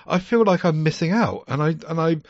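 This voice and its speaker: A man's voice: on the high side, expressive, fairly quick, darkish tone, dry recording. A man chatting as a podcast co-host, rambling with many ums and restarts. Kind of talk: casual chat. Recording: dry, slightly muffled.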